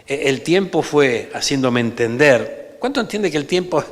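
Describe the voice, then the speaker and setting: A man's voice: medium pitch, expressive, moderate pace. A man with an Argentine Rioplatense accent, a pastor preaching an emphatic sermon in a church and often calling for amens. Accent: Argentine Rioplatense Spanish. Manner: emphatic preaching, peppered with calls for amen. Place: church sanctuary. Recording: reverberant church hall.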